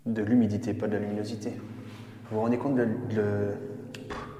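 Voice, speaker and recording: A man with a low, mellow voice narrates as he explores a bunker, talking nervously and joking with his viewers. His voice rings out in a cathedral-like echo, and the reverb hangs long in the concrete rooms. Faint ambience sits behind him. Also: level tone, moderate pace, a little hiss or hum. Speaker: urban explorer filming a video. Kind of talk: vlog narration while exploring. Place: underground bunker in a forest.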